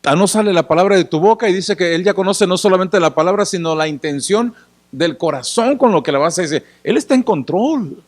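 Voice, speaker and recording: A male pastor delivers a sermon, sounding tired after a day of work. He talks casually with the congregation, throws questions at them and acts out small scenes. His voice sits somewhat high for a man. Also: lively intonation, fairly quick. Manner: conversational, asks the congregation questions often; acts out little scenes and gestures. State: tired after working in the sun.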